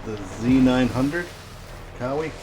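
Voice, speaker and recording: A man chatting on a live stream, spinning stories and playing out the voices of people in them. His voice sits at an ordinary pitch. A steady hiss of noise runs under the recording. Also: slow. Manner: storytelling, animated when quoting others. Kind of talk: casual chat. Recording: noticeable background noise.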